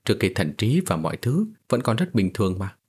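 Male narrator doing a startled young cultivator, anxious questions, husky low voice. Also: very animated, a little fast, a little mellow, heavily acted. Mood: alarmed. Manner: alarmed, questioning.

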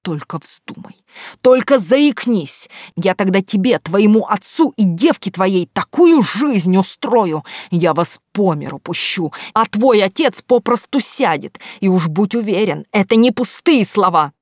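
A narrator voicing a domineering middle-aged man who shouts threats in a story read aloud. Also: medium pitch, fairly even intonation, a little slow, no echo, studio quality, close to an everyday voice. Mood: menacing.

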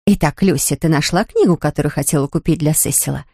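A woman reading an audiobook, voicing a brisk, sharp-tongued cousin who speaks in a low, curt way. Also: slightly rough, no echo, clean studio sound. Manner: low curt hurried talk.

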